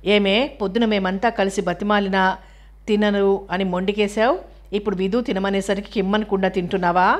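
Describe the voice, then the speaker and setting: A woman's voice: mid-range voice, steady tone, brisk, close to an everyday voice. A woman voicing a weary, irritable older sister in an audiobook reading of a novel. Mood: irritated.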